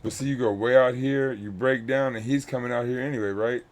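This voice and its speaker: In a steady mid-range voice, a man briskly goes over game film with his youth basketball players. He's blunt and instructive, hammering the key points more than once.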